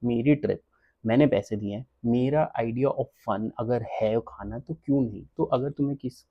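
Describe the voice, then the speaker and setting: A man giving casual travel advice as a vlogger, blunt and animated, from India. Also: medium pitch, no room sound, muffled recording. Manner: blunt, animated, switches between Hindi and English.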